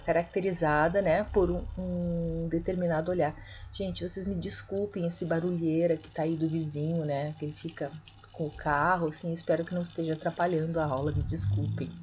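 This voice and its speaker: A woman teaching an online literature class, explaining slowly, with many fillers and corrections. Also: fairly low pitch, a little mellow, lo-fi sound, slight background noise. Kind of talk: online lecture.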